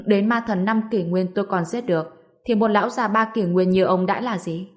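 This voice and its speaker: Woman reading as a calm, cocky young cultivator. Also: sits high, moderate pace, lightly acted. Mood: cold. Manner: cool, mocking.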